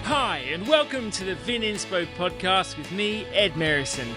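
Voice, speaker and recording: A man's voice: sits high, lively intonation, normal speed, music in the background. A man hosting a podcast, reading a scripted intro with wordy, playful phrasing. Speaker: podcast host.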